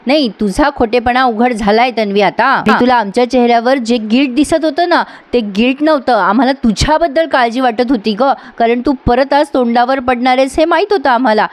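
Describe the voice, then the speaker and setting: A woman's voice: a little high, fairly quick, hardly any pauses, natural voice. A woman voicing a confident young man who mocks a liar sarcastically. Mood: mocking. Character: confident young husband, mocking.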